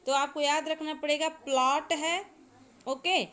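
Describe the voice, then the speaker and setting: High-voiced woman teaching an exam class. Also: fairly even intonation, unhurried, a bit bright. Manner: explains step by step, repeats points, asks the class to answer. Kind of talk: exam-prep lecture.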